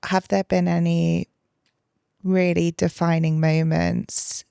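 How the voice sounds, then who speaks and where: Slow, level-voiced woman host. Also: lowish voice, vocal fry, clean tone, no echo, clean studio sound. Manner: brief affirmations, calm prompting questions. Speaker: podcast host. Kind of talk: interview questions.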